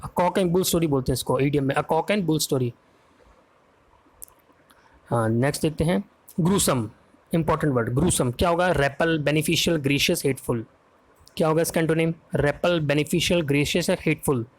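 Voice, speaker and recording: A man with an Indian accent teaching English vocabulary for an exam, talking fast in a quiz style and often checking that students follow. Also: on the high side. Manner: fast, drills answers with repeated "है ना?" checks.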